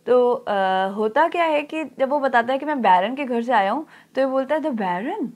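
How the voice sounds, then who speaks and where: A woman teacher explaining an English story in Hindi, reading the English lines slowly and then explaining them. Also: high voice, a little mellow.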